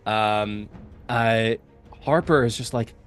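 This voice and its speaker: A man narrating a tabletop game as game master, speaking haltingly and searching for words. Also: fairly low pitch, clean tone, faint music behind. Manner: halting, full of fillers and restarts.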